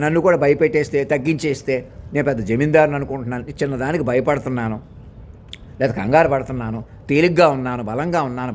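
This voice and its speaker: A man's voice: on the high side, darkish tone. A man giving a rambling, insistent spiritual monologue, scolding his listeners, repeating himself and restarting words often. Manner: fast, insistent, repetitive, with many restarts; scolding and preachy. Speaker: self-styled spiritual preacher.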